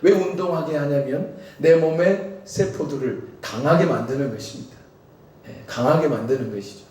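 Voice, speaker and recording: Male pastor with a Jeolla Korean accent, conversational sermon full of rhetorical questions, mellow, a bit higher-pitched, heard from far off in a very echoey church. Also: normal speed. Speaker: senior pastor. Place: church sanctuary. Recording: very echoey church hall, distant mic.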